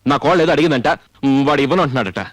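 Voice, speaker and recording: A man's voice: on the high side, rapid-fire, dry recording, natural voice. An actor playing a doting, joking middle-aged family father in comic film dialogue. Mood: playful. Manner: teasing, joking, swings up and down a lot.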